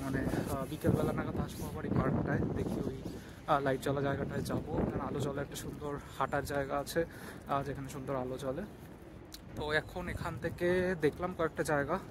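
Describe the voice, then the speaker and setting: A man talking casually as he walks, vlogging a city trip, with many filler sounds and a lowered voice in quiet spots. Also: steady tone, fairly quick. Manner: chatty, many filler sounds, drops to a hush in quiet areas. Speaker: travel vlogger. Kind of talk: casual walking vlog commentary. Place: outdoors on city streets. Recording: outdoor street noise with traffic. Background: city street noise and vehicles.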